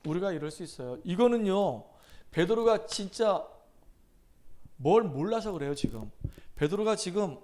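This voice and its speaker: High-voiced Korean-language pastor preaching emphatically. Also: male voice, animated, normal speed, long pauses, a little mellow. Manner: emphatic preaching, acting out scripture quotes with rising and falling intensity. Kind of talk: sermon.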